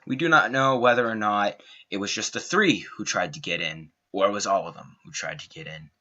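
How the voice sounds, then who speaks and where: A young man reading a scripted documentary narration in an earnest, dramatic way, with slow emphatic phrasing. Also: lowish voice, sharp tone. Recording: dull lo-fi home mic.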